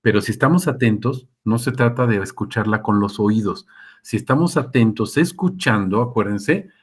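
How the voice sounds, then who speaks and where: A man's voice: fairly low pitch, normal speed, breathy edge. A man preaching a sermon in a conversational way, speaking, often checking with listeners and acting out quotes. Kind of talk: sermon with live Q&A.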